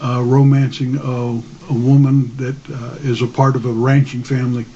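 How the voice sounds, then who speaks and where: A man in an informal discussion, explaining things in a measured, hesitant way as a guest. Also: medium pitch, flat delivery, dark tone, dull audio.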